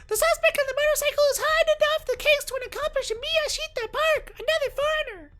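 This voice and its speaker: Man putting on a squeaky cute anime-girl police commander. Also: fast talker, pushed and bright. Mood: urgent, commanding. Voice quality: squeaky falsetto. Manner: cute anime-girl streamer voice, barking orders over radio.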